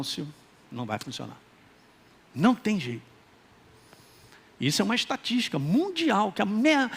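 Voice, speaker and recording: A male pastor with a Minas Gerais accent preaching a lively sermon and acting out quoted voices. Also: high voice. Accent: Minas Gerais Brazilian Portuguese. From Minas Gerais, Brazil. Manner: animated, acts out quoted voices, calls for responses.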